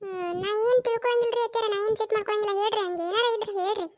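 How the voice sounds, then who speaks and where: Performer voicing a cartoon daughter-in-law, young woman, coaxing, insistent, North Karnataka Kannada accent, very high fast voice. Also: steady tone, heavy background noise. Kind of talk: cartoon voice acting.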